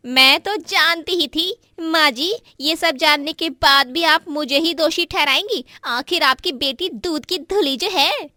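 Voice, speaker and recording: A woman voicing a quarrelsome young daughter-in-law in a cartoon story, who speaks in a sharp, taunting way. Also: high-pitched, a little slow, few pauses, no echo, clean studio sound.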